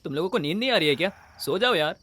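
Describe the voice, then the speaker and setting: An easygoing young student. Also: male voice, high voice, animated, racing, heavy background noise. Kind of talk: Hindi film dub acting.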